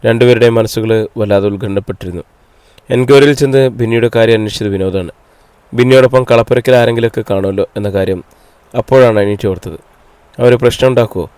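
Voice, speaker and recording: A man reading a novel aloud as an audiobook narrator, in a steady storytelling read on a close mic. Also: fairly low pitch, quick pace, clean tone, no echo. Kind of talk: scripted narration.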